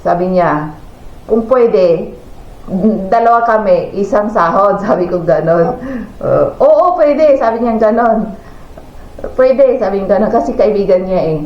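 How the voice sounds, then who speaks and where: An older woman from the Philippines, a vlogger, chats with viewers in a roomy home kitchen, her mid-range voice at a moderate pace. Her storytelling rambles, packed with fillers and repeated "sabi ko," and the recording sounds roomy and dull.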